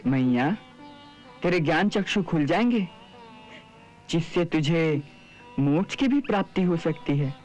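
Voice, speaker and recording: A calm wise young god. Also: male voice, fairly high pitch, measured pace, pauses often, soft background music. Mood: consoling. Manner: gentle, sermon-like counsel. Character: calm wise young divine son consoling his mother. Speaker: actor in a TV drama. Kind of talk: devotional TV drama acting.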